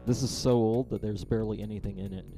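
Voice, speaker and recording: Low-key man reacting to gameplay. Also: fairly even intonation, fast, dark tone, rough recording. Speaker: streamer playing the game. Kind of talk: casual gameplay commentary. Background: game music.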